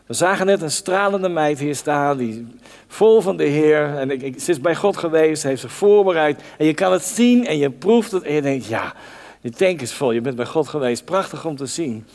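A man delivers a conversational sermon in a lively way and briefly acts out voices from the Bible story. His voice sits fairly high. The sound rings with the long reverb of a church hall. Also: moderate pace. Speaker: preacher.

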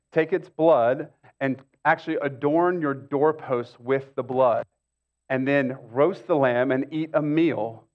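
The recording is muffled as a medium-pitched middle-aged American pastor speaks from the stage of a church auditorium. His sermon feels conversational, with offhand asides and repeated phrases to stress his points.

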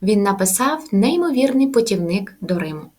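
A woman teaching English pronunciation in a language lesson, saying example words slowly and carefully. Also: medium pitch, very animated, a little mellow.

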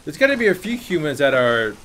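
A man's voice: fairly high pitch, very animated, fast, fairly bright tone. A young man giving casual commentary while playing a video game. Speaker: gaming host playing and reacting.

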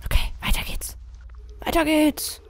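A woman's voice: a little slow, whispered. A young woman playing a horror game and commenting, often scared and pleading with the game. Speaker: let's play gamer.

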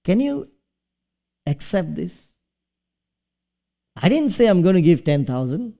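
A middle-aged Singaporean pastor speaks slowly in a high, dark voice with big pitch swings and some vocal fry. Preaching from a church stage, he talks conversationally and asks the congregation questions.

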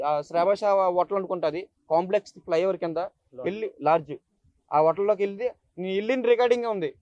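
A young man tells his story to the press in a rush of agitated, emotional words, circling back over the same points. His voice sits high and the pace is quick. The recording is dull and lo-fi, with a dry, close sound. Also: a little mellow, no room sound. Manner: agitated, repeats himself, tearful recounting. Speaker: YouTuber speaking at a press meet. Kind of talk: emotional first-person account to the press.

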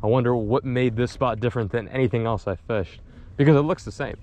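Speaking a little fast at medium pitch with a darkish tone, a young fishing vlogger talks casually to his action camera from a small boat on a lake, with slight background noise. He is upbeat and pokes fun at himself while thinking aloud.

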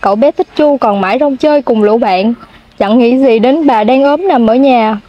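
A woman in her twenties reading a folk tale aloud in a steady, polite storytelling manner. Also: on the high side, normal speed. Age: 20s. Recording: dull lo-fi sound.

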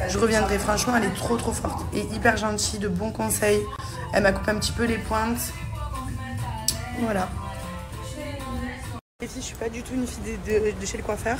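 A young woman vlogger and mother chatting casually to camera, repeating words and using many fillers. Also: mid-range voice. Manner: chatty, repeats words, fillers, warm toward her daughter.

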